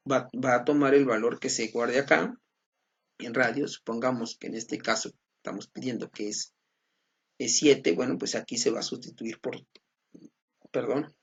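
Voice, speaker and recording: Male teacher, husky gravelly voice, patient lecture pace, dull lo-fi recording. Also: mid-range voice. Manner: patient, repeats points, checks in with students. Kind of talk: recorded lecture explaining slides.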